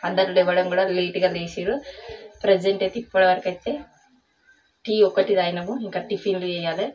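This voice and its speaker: A woman calmly narrating her morning cooking in a home vlog, explaining each step. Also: on the low side, fast talker, dull audio, crowd noise. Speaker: vlogger. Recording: distant mic with faint ambience.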